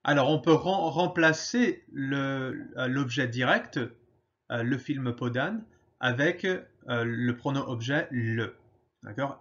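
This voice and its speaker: A man teaching French grammar in a slow, patient way, pausing often and switching to English to explain. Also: medium pitch, dull audio. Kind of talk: grammar lesson.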